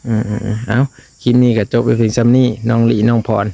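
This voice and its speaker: Lao guy vlogging, chatty and rambly, mellow voice, dry close sound. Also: mid-range voice, flat delivery, vocal fry, no echo. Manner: chatty, drawn-out fillers. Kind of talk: casual chat to viewers.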